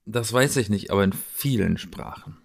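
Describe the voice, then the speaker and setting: A man's voice: fairly low pitch, moderate pace, creaky, slightly rough. A man chatting casually as a podcast co-host, often breaking off and restarting his sentences. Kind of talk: casual chat.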